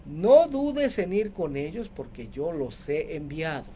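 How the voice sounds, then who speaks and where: A man voicing the Holy Spirit as a gentle, familiar divine voice that reassures Peter within a radio sermon. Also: fairly high pitch, big pitch swings, takes it slowly, slight background noise. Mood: reassuring. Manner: familiar, reassuring, addressing Peter by a pet name.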